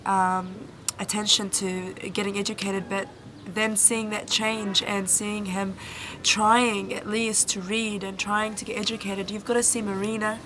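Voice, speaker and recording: Recorded in an Egyptian village, whether inside or out, a young New Zealand woman volunteering there responds to an interviewer earnestly, stumbling with many ums and fresh starts. Her pitch sits at a medium height, stays fairly level, and barely moves. Noticeable background noise is present the entire time.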